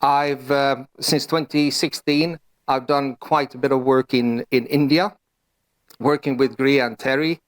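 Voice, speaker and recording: A man's voice: mid-range voice, fairly even intonation, a little slow. Hesitant Swedish man presenting at a panel. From Sweden. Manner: hesitant, many fillers and restarts. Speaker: panel speaker. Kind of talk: conference presentation.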